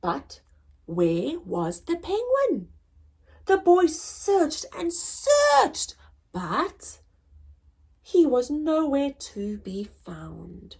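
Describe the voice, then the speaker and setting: Hosting story time for young children, a woman reads a picture book aloud in a high, gravelly voice. Her delivery is deliberate and expressive, with words drawn out.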